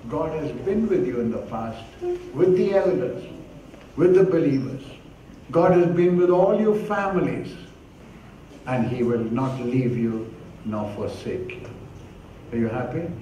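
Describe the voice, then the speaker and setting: A man preaching a sermon, telling an animated story with repeated exclamations. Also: medium pitch, a little slow, long pauses, slight background noise. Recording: distant mic in a reverberant hall.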